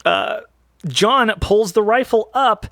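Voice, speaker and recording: Excitable man recapping a film, dry close sound. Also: high voice, slow, creaky, no echo. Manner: animated storytelling, acts out quoted lines. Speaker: podcast host. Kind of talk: casual film commentary.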